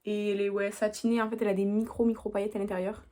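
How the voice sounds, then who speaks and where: A woman's voice: mid-range voice, level tone, racing, mellow. A young woman, chatting casually through a makeup tutorial as she works. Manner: chatty, talks while working, lots of little "hop"s. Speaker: beauty vlogger.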